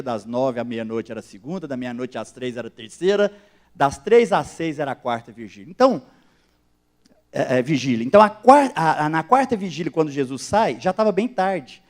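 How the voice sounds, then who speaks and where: A male pastor, preaching a sermon with animated, emphatic rises and direct address to his listeners. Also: fairly high pitch.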